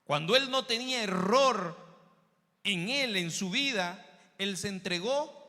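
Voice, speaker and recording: A male pastor preaching a sermon, swinging between loud calls and soft low asides, speaking straight to the congregation as brother and church. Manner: addresses listeners directly as brother and church. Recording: long hall reverb.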